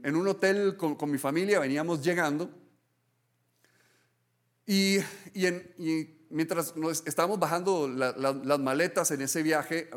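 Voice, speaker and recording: A man preaching a sermon as a pastor. He tells stories earnestly, often restarts and adds "right?" tags, and swings between hushed and excited delivery. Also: a little high. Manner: earnest storytelling, many restarts and "¿verdad?" tags. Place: church.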